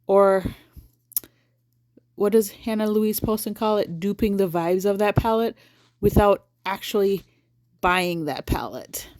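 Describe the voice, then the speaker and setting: A woman's voice: mid-range voice, unhurried, pauses often, a little mellow. A woman beauty vlogger talking casually to her viewers, thinking aloud and correcting herself mid-sentence as she sorts her makeup. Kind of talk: casual rambling chat to camera.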